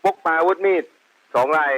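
A man's voice: fairly bright tone, low-quality recording. Give me a man reporting in over a walkie-talkie. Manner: clipped, with pauses between phrases. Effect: heard over a walkie-talkie. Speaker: police officer reporting by radio. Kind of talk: clipped formal radio report.

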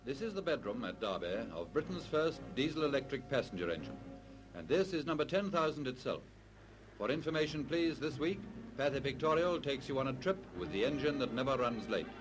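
British male, old 1940s newsreel narrator, animated and promotional, loud music behind. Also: medium pitch, brisk. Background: loud background music.

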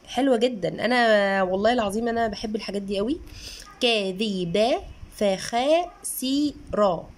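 A woman in her thirties with an Egyptian Arabic accent, a mother chatting earnestly through a casual book review and sometimes sounding out syllables slowly. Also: medium pitch, steady tone. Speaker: mother reviewing children's books.

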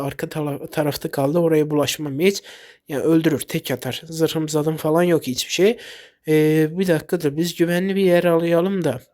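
A man giving casual gameplay commentary while sick, excitable and quick to blurt out short exclamations. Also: a little high. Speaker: gaming YouTuber.

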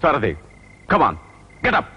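An actor playing a stern, curt police officer who puts duty before family, in 1980s film dialogue. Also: male voice, fairly high pitch, huge pitch swings, slow, exaggerated voice. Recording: slightly dull old film soundtrack.

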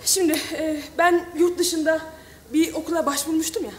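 Very high-voiced woman in sketch comedy. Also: fairly even intonation, moderate pace. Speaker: comedy sketch actress playing a girlfriend. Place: television studio stage. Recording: echoey stage with faint noise.

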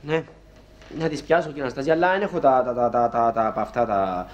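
A man's voice: mid-range voice, steady tone, natural voice. An actor playing a timid, stammering young man in a sitcom. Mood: flustered. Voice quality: stammering, hesitant. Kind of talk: sitcom acting. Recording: dull lo-fi TV sound, faint noise.

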